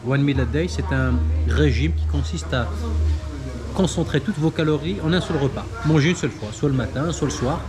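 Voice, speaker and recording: A man's voice: a little high, normal speed, over music. A man chatting casually to camera as a food vlogger, talking between bites with savoring murmurs and playful, self-mocking exaggeration at a street food spot. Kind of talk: casual mukbang chat to camera. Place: street food eatery in Vietnam.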